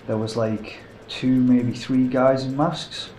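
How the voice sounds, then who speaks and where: An actor playing a witness who recounts a kidnapping in a hesitant, casual way. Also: male voice, mid-range voice, flat delivery, slow, mellow, echoey room, faint music behind, lightly acted, rough recording. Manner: hesitant, casual, filler-heavy.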